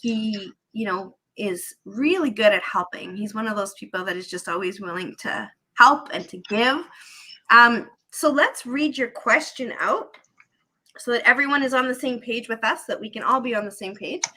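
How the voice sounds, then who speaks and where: A woman's voice: a little high, moderate pace, bright, forceful tone. A woman hosting a live investing stream over a video call, upbeat and chatty, with a slightly scratchy throat. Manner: upbeat, chatty, repeats herself. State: throat irritated, candy in mouth. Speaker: host of a live real-estate investing show. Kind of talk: live-stream host chat.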